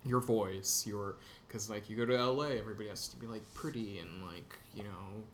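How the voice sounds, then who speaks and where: A man's voice: fairly low pitch, steady tone, a little fast, a little hiss or hum. A young man from Texas, a podcast guest, chatting casually with many "like" and "you know" fillers. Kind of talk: casual conversation. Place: indoor room in Chicago.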